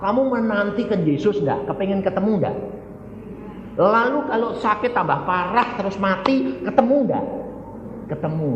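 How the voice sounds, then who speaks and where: A male evangelist preaching a sermon, often firing questions at the congregation and swinging between loud and soft. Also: high-pitched, slight background noise. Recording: echoey hall, dull lo-fi sound.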